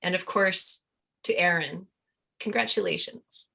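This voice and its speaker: A woman's voice: lowish voice, unhurried, gravelly, sharp tone, slightly rough. A woman giving a playful, hesitant toast at a book launch over a video call. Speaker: guest reader giving a toast. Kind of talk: casual toast.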